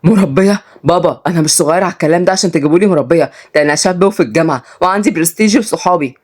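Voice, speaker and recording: Proud young student son, indignant and fast-talking, as a woman storyteller plays him. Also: fairly low pitch, a little mellow, close to an everyday voice. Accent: Egyptian Arabic.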